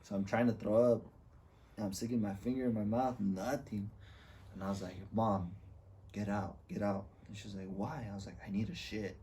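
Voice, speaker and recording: A young man co-hosting a podcast, telling a profane, animated party story full of quoted voices. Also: fairly low pitch, moderate pace, far from the mic, slight background noise. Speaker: podcast co-host. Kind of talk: casual storytelling among friends.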